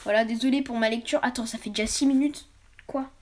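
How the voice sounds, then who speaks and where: A woman reading a book aloud for her channel. She often trips over words, corrects herself, and drops into quick, quiet asides. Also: a little high, fairly even intonation. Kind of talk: casual read-aloud with asides.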